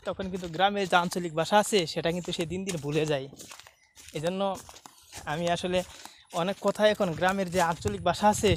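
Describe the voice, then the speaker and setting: A man's voice: high-pitched, slight background noise. A man from Mymensingh with a Mymensingh Bengali accent, walking outdoors by fields and a dry canal and chatting casually to a phone camera, repeating himself and mixing dialect with standard speech. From Mymensingh, Bangladesh. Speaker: vlogger.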